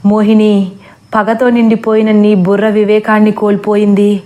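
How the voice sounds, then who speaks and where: A woman's voice: mid-range voice, flat delivery, moderate pace, dark tone, close to an everyday voice. A woman voicing a devout male ascetic who chants and prays earnestly in a storybook horror tale. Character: devout male ascetic, steadfast, praying to Shiva.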